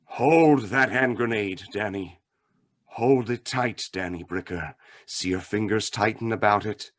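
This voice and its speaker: The Shadow, slow and ominous man acting. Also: fairly low pitch, lightly acted. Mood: commanding, urgent. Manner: slow, solemn, theatrical, commanding. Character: commanding, ominous male mystery avenger with hypnotic power. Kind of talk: 1930s radio melodrama acting.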